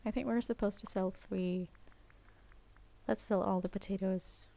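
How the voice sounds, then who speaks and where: Commenting on her gameplay, a young woman from Denmark rambles in a casual, Valley Girl YouTube manner; she's a native Danish speaker whose English carries an Americanized accent, and she makes gaming videos. The voice sits at medium pitch, gravelly yet mellow, with fairly even intonation at a moderate pace.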